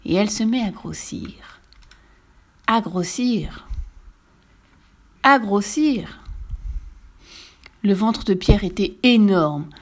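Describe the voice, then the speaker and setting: A woman reading a children's picture book aloud in an expressive, lively way. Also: medium pitch, slow pace, long pauses. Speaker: storyteller.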